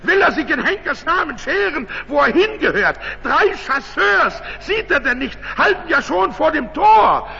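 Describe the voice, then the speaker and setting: Frantic innkeeper yelling and cursing, man doing the voice, high and loud, bright tone. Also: very animated, moderate pace, hardly any pauses, breathy edge, heavily acted. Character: excitable flustered male village innkeeper. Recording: dull echoey recording with faint hum.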